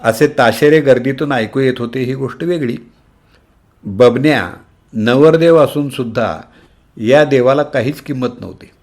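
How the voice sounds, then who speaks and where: A man's voice: medium pitch, a little slow. Man reading a comic story aloud. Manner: expressive, lively reading.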